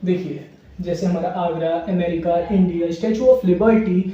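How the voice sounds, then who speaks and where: An English teacher with a high, mellow voice gives a grammar lesson at normal speed, working through each example with repeated questions and answers. The room sound is echoey, distant and dull.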